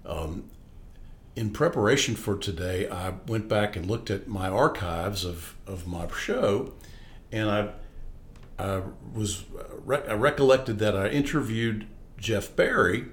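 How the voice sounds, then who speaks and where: A man with a somewhat low voice hosts a podcast. He reads a scripted introduction, then fumbles a little with ums and restarts as he asks his guest questions. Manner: hesitant, many ums and restarts when asking. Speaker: podcast host.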